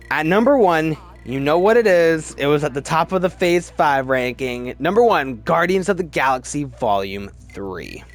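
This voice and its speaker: A man with a slightly high voice hosts a film ranking video, giving casual, opinionated commentary. He gushes with fan enthusiasm and repeats words for emphasis.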